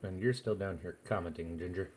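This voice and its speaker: A man's voice: sits low, a little fast, a little hiss or hum. A man chatting casually to viewers on a live stream at home, rambling along with plenty of fillers and restarts.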